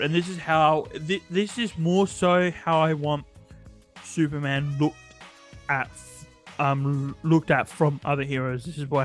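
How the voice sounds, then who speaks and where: A man hosting a casual chat about comic books, talking hesitantly with many fillers and restarts. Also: fairly high pitch. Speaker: host.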